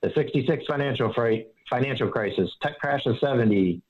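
A man speaks as a financial advisor guest, earnest and explanatory. He leans on analogies and often restarts his sentences. His voice sits at a middle pitch, and the recording sounds slightly dull and lo-fi. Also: fairly quick. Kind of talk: casual interview.

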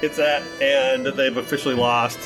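A male game master narrates a tabletop game in casual fashion. His voice sits at an average pitch. Music is clearly audible behind him. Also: flat delivery, normal speed.

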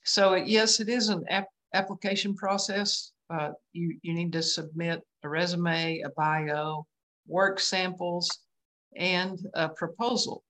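A woman from West Texas with a West Texas twang, chatting as a guest on a video call in a halting, self-deprecating way. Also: on the low side, flat delivery, a bit bright. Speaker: guest artist, painter. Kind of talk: casual interview chat over video call.

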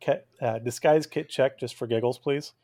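A man's voice: mid-range voice, moderate pace, mellow, dry recording, studio quality. A man running a tabletop game, narrating and refereeing in an explanatory way with hesitant phrasing. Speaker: game master.

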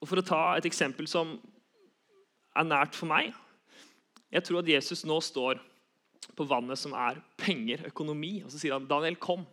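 A man's voice: on the high side, steady tone, long pauses, sharp tone. A young man giving an earnest sermon, repeating key phrases for emphasis. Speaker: preacher.

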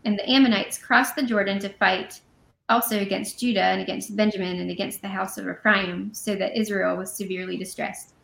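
A woman's voice: medium pitch, steady tone, brisk, vocal fry, a bit bright, echoey room. A woman co-hosting a casual podcast, reading Bible passages aloud and then explaining them in a chatty way with fillers and self-corrections. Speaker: podcast co-host.

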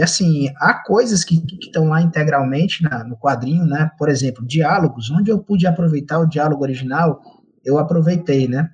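A man's voice: on the high side, darkish tone. A young Brazilian man, a comics artist, talking casually and rambling with lots of fillers and tag questions. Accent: Brazilian Portuguese. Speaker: comics artist and co-author of an adaptation. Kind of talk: conversational interview talk.

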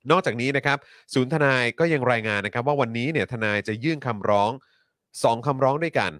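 Fast-talking male news talk host. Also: mid-range voice, a bit bright, no room sound, studio quality. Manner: fast, polite, reads news items with many particles. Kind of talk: live news talk show.

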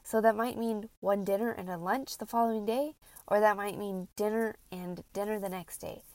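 Her voice is medium-pitched and moderately paced, recorded with no room sound, and noticeably nasal because her nose is stuffed up. She's a health coach for moms hosting a chatty solo podcast, talking informally and emphatically to her listeners and repeating phrases to drive points home.

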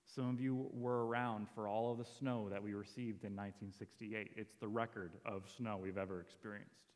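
A man's voice: fairly low pitch, steady tone, normal speed, long reverb tail. A man preaching a sermon as a pastor, earnest and conversational, quoting lines as he goes. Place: church sanctuary.

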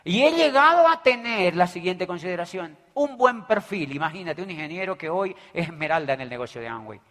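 A man with a Colombian accent giving an animated motivational talk, telling stories and acting out the dialogue. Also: sits high, brisk. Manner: animated, tells stories acting out dialogue, keeps asking "do you understand me". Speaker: business motivational speaker. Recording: echoey hall reverb.

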